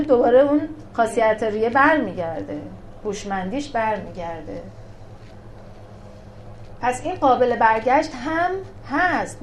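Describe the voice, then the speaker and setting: A woman's voice: a little high, a little hiss or hum, low-quality recording. A woman giving a religious lesson to a small class, emphatic, asking questions and answering them herself. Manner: emphatic, asks and answers her own questions. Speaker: religious teacher.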